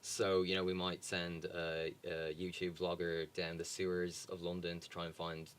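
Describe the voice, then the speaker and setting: A man's voice: deep voice, monotone, moderate pace, fairly bright tone, smooth. A young man with a Dublin accent, a charity guest talking casually in an interview with many ums and restarts. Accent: Irish, Dublin. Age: young adult.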